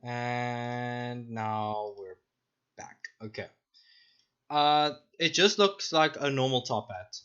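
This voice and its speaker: A man's voice: medium pitch, slow pace, a bit bright, smooth, highs cut off. A young man narrating as dungeon master on a stream, talking in a loose, rambling, self-mocking way. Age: young adult. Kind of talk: narrating a tabletop game on stream.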